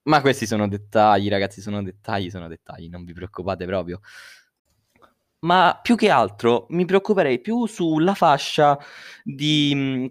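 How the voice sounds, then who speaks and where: A young man hosts a solo podcast, speaking through a face mask into a close microphone. His voice sits at an average pitch in a very dry space. He rambles casually and jokingly, often correcting himself mid-thought. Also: no echo. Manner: rambling, self-correcting, uses swear words. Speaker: podcast host. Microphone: close podcast microphone, dry sound.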